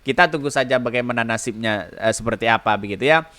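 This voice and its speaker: A man's voice: mid-range voice, quick pace, bright, forceful tone. A man hosting a solo political podcast, chatty, chuckling often as he reads out viewer comments.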